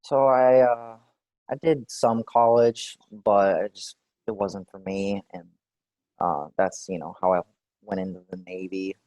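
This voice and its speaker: A man in his forties from Texas, answering questions in a clinical interview in a relaxed, hesitant way with many fillers. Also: low voice, measured pace, no echo. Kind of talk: role-play clinical interview.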